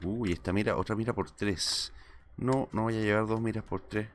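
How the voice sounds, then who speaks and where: A man streaming live gameplay, talking excitedly to himself and greeting his chat. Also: fairly low pitch, moderate pace, slight background noise.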